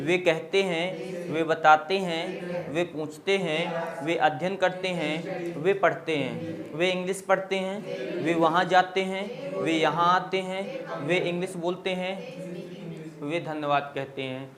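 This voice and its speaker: Male grammar teacher, measured classroom drill delivery, slightly high voice, noisy crowd in background. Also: steady tone. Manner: slow, repetitive drilling of example sentences. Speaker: English teacher. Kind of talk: Hindi-medium grammar lesson.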